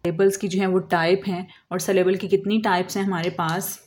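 A woman explaining a lesson as an English teacher, slowly drawing out example words and answering her own questions. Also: fairly low pitch, level tone, a little mellow. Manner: asks questions and answers them herself.

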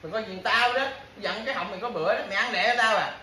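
Talking fast at a medium pitch, a wife keeps berating her partner, repeating identical grievances and hollow threats. It's everyday household squabbling, captured in an echoey room with faint background noise, and a crowd can be heard in the background.

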